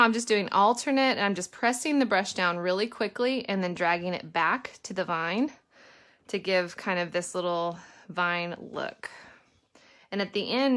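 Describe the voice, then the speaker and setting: A woman's voice: fairly low pitch, a bit bright. A woman chatting casually as she leads a painting lesson in her home studio, talking through each step. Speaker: lettering teacher and mother.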